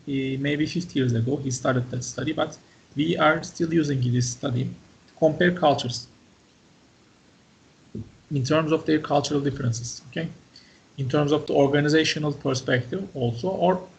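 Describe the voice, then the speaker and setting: Male university lecturer, slightly high and gravelly, talks in short phrases and keeps checking in with the class. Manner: talks in short fragments, often asks "right?" and "okay?".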